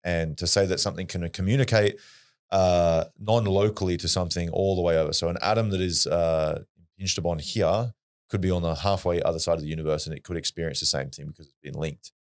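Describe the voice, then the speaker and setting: A man's voice: low-pitched, steady tone, fairly quick. An Australian man, a podcast guest, telling a personal story in a blunt, earnest way and swearing freely. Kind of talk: casual storytelling.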